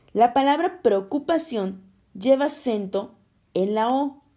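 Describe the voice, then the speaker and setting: A woman reading a scripted lesson for schoolchildren, explaining slowly and clearly. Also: a little high, dark tone. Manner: slow, clear, explaining to children. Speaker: teacher.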